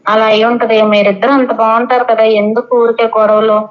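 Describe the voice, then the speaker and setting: A woman's voice: fairly high pitch, little pitch movement, fairly quick. A woman talking on a phone call, scolding and reassuring a friend and often talking over her. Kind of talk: casual phone chat. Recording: muffled phone audio.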